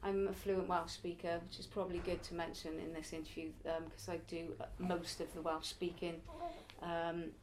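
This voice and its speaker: A rough recording with slight background noise catches a woman in her early forties, a circus performer who also teaches youth circus. Speaking at normal speed with hardly any pauses, her level, low-ish voice stays chatty and reflective through the interview questions, with the occasional laugh.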